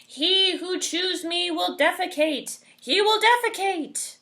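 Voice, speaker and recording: A woman's voice: very high-pitched, slow pace, pushed and bright, pitched above the performer's own voice, full character voice. A woman voicing a small taunting plant bulb in a trickster tale, chanting its warning like a storybook creature.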